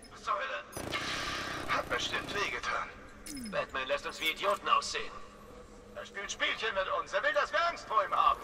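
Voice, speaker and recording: Ein Schauspieler spielt in einem Videospiel einen angespannten bewaffneten Handlanger, der kurze Rufe ausstößt. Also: male voice, high-pitched, huge pitch swings, moderate pace, long pauses. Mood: wary, grumbling. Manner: short barked callouts. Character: tense male armed henchman, aggressive and jittery. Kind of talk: game combat barks. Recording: distant, faint noise.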